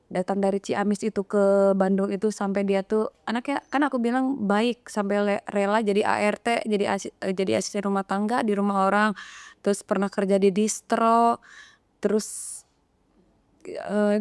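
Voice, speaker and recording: A woman's voice: mid-range voice, clear, resonant tone, no echo. A woman, retelling a painful story in an interview and acting out the dialogue with hesitant restarts. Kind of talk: emotional retelling of events.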